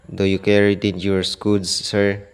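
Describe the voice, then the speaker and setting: Deep, monotone man over a marine radio. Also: normal speed, reverberant, long reverb tail. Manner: flat, formal radio procedure. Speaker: port control radio operator. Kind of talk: scripted marine radio exchange.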